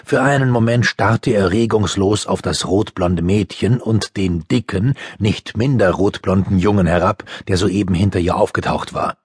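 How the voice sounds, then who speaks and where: A man reading a youth fantasy audiobook with lively storytelling. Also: deep voice, normal speed, few pauses, husky, no echo, clean studio sound. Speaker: audiobook narrator. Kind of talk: scripted narration.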